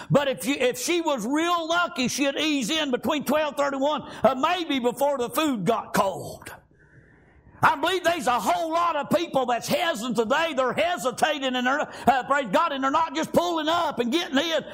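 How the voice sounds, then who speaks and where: In a church, a man with a very high, gravelly voice shouts his way through a fiery revival sermon, sprinkling "praise God" and "amen" throughout.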